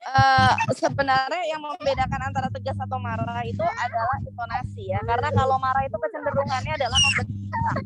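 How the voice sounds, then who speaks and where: A woman's voice: high-pitched, animated, brisk, loud music behind the voice, rough recording. A woman speaking as a guest, earnestly explaining parenting advice. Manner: earnest, explanatory, acts out example quotes. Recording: noticeable background noise.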